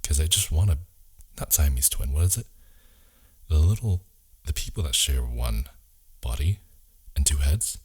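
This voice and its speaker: Very deep, husky romantic leading man, ASMR role-play. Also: lively intonation, moderate pace, pauses often. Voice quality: husky, gravelly low murmur slipping into soft voice.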